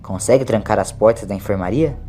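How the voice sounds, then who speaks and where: A man voicing a calm, grave, commanding doctor adventurer in an audio story. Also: fairly low pitch, fairly quick, lightly acted. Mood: hushed. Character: calm, commanding male time-travelling doctor, quietly grave. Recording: clear background noise.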